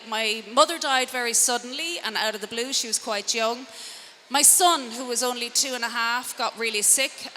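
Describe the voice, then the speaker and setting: A middle-aged woman from Connemara, Galway, who works as a transformative coach and speaker, addresses a live indoor audience in her west of Ireland accent. Her conversational motivational talk mixes rhetorical questions with wry self-deprecating asides, in a slightly high, pushed and bright voice. The hall echoes and background noise is clear.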